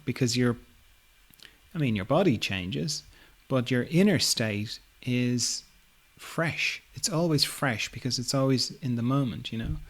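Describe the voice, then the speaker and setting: A middle-aged man hosting a podcast, musing in a relaxed, reflective spiritual talk, full of "you know" fillers and soft laughs. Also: mid-range voice. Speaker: podcast host.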